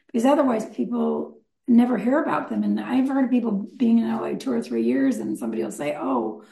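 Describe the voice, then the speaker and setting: A woman leading a recovery meeting discussion, calm and measured, reading text aloud. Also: fairly high pitch, gravelly. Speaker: meeting facilitator. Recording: roomy echo.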